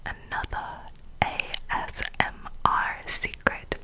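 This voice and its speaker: This is an intimate ASMR voice, whispered as if through a cupped hand. The delivery is slow and breathy, with no voiced tone. Words and phrases are softly repeated, like secrets being shared. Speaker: ASMR video maker.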